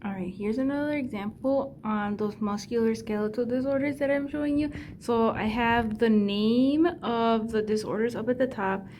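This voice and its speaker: A woman's voice: fairly high pitch, normal speed, hardly any pauses, a little mellow, slight background noise. A woman dental hygiene student chatting casually to her viewers in a vlog, talking straight to the camera about her week. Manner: chatty, addresses viewers directly.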